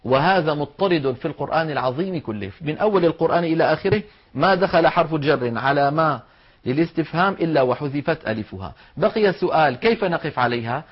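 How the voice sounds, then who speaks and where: A male recitation teacher with a fairly high voice leads a careful lesson, breaking each rule down step by step. He pronounces the example words aloud as he goes. The recording sounds dull and lo-fi. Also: lively intonation, fast talker, slightly rough. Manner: methodical explanation, demonstrating each word aloud.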